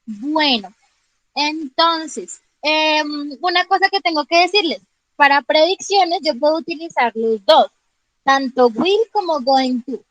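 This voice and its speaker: Patiently teaching grammar online, this woman English teacher checks comprehension with frequent questions and addresses students by name. She speaks slowly in a high-sitting voice, and the dry recording is rough.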